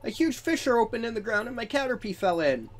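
A distraught butterfly creature mother, put on by a gamer reading game text, frets in a high, animated voice. The delivery is panicked and lamenting, with faint game music underneath. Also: fast, close to an everyday voice.

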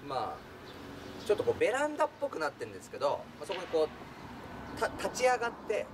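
Guy telling a funny story, pitch jumping all over, mic kinda far, noisy room behind. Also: quick pace. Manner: animated, acts out voices in the story, laughs while telling. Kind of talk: casual anecdote telling. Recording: distant mic with clear background noise.

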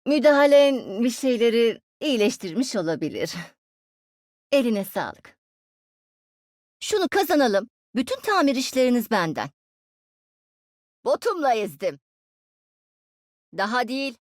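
A brilliant young inventor who teases her squad with smug, playful remarks, her voice sitting fairly high. She talks slowly and deliberately, as in studio game voice lines. The sound is dry, close and clean. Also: sing-song, dry recording. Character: cheeky genius young female inventor. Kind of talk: Turkish game dub voice lines.

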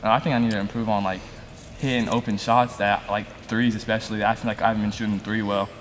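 A young man in his late teens, a high school basketball player, answering interview questions casually and often saying like. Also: level tone, fast talker, fairly bright tone, in a large hall, soft background music.

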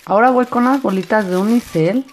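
Excited chatty woman, music behind. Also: fairly high pitch, fairly quick. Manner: excited, chatty, addressing young viewers. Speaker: host of a children's slime channel. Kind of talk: casual craft vlog, explaining as she goes.

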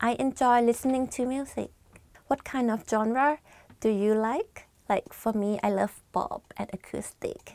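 A woman's voice: medium pitch, creaky, a little mellow, no room sound. A woman in her twenties with a Thai accent, hosting a scripted language lesson on a lapel mic, chatty with friendly asides. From Thailand. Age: 20s. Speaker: language teacher host. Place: small studio, plain backdrop.

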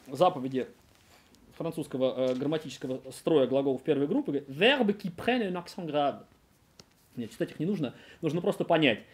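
A man teaching a French grammar lesson on video, talking in an animated, digressive way with many filler sounds and restarts. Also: a little high.

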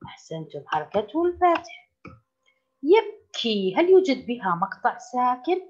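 A woman schoolteacher leads a slow, careful reading lesson for small children, repeating each word so they can follow. Her voice sits fairly high and moves a lot as she stresses the words. The recording is a bit muffled. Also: sing-song, a little mellow. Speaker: primary school teacher. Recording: slightly dull lo-fi recording.

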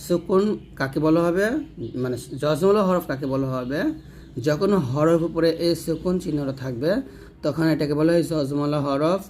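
A man's voice: fairly high pitch, a little mellow, a little hiss or hum. Patient male Quran reading teacher. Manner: patient, repeats letter sounds slowly and drills examples. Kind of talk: step-by-step recitation lesson.

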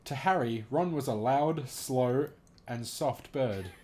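A man with a mellow, medium-pitched voice takes his time reading a story out loud in a relaxed way. He can't stop giggling, laughing his way through the text while adding swear-laden, amused and disbelieving commentary.

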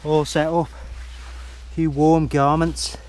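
A man's voice: on the high side, flat delivery, slow pace, a little mellow, slight background noise. A man casually narrating a camping trip outdoors, chatty and jokey, recorded on a camera mic. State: a little out of breath. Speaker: vlogger. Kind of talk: casual outdoor vlog chat. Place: outdoors at a campsite and on a hill walk.

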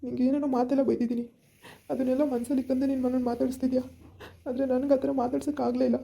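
Subhash, a woman voicing a crying guilty young husband, halting stammered pleas, very dark mellow tone, rushed delivery, amateur village drama. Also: high voice, level tone, vocal fry, slightly rough, full character voice. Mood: tearful. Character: grieving young husband, guilt-ridden, fleeing.

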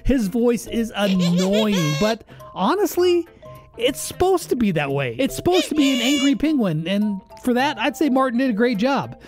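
A man with a very high-pitched voice and big swings in pitch talks at a moderate pace, hosting a video with casual, conversational countdown commentary. He's recorded indoors in a small home studio on a close boom-arm studio mic, with faint music in the background.

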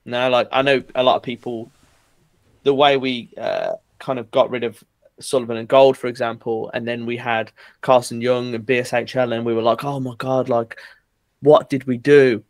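A man's voice: mid-range voice, little pitch movement, moderate pace, no echo. A man, a guest on a casual podcast, talking in a rambling, hesitant way. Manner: rambling, hesitant, many fillers and restarts. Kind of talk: casual chat.

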